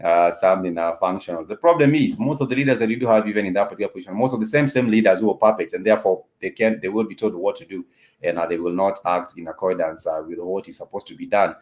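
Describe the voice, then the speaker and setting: A man with an African accent hosts a spoken political commentary, talking haltingly and often repeating phrases for emphasis. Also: low-pitched, darkish tone. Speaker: host of a political discussion show.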